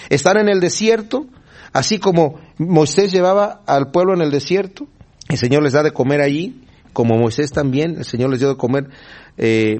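A man's voice: fairly high pitch, darkish tone. A man preaching a sermon, reading Bible verses and explaining them in a conversational way, often checking in with his listeners. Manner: conversational, often asks the listeners "¿verdad?", chuckles while explaining.

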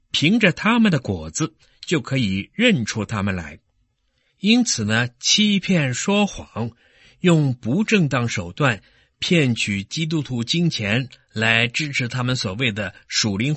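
Husky-voiced man preaching a sermon. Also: medium pitch, fairly bright tone, dry recording. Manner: earnest teaching tone, slows down to read scripture.

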